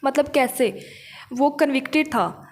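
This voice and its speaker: A law teacher reads English legal text aloud and then explains it in a didactic lecture, often adding short tag questions to check in. Her voice sits high and she takes her time.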